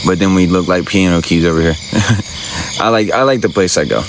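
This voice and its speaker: A man with a very low voice chats with his viewers in a laid-back, rambling, slangy way at a moderate pace, answering them during a casual livestream. He's streaming from his phone outdoors at night, with loud crickets, insects and other background noise behind him.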